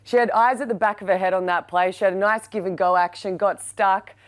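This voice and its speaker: A woman's voice: mid-range voice, fairly even intonation, brisk. An Australian woman co-hosting a sports show as a player, giving chatty analysis of plays.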